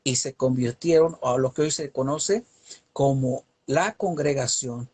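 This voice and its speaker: Husky-voiced man preaching emphatically. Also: medium pitch, a little slow, darkish tone. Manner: emphatic, rising preaching cadence with rhetorical questions. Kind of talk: Bible teaching.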